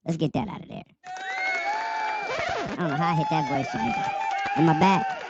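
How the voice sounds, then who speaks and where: A man's voice: huge pitch swings, unhurried, lo-fi sound, heavy background noise. A male host talking casually while a voice changer morphs his voice into something odd. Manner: laid-back, chatty. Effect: voice changer pitching and morphing his voice. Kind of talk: casual talk show.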